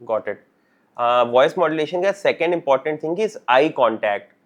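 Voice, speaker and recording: A man's voice: fairly high pitch, expressive, moderate pace. A man hosting a podcast, asking long questions in mixed Hindi and English. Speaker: podcast host. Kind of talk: podcast interview. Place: studio podcast set, indoors.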